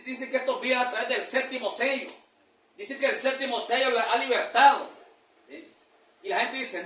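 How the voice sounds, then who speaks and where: High bright-voiced preacher in a church. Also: male voice. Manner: reads verses slowly, repeats "hermano" often. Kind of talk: sermon. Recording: echoey church hall from far off.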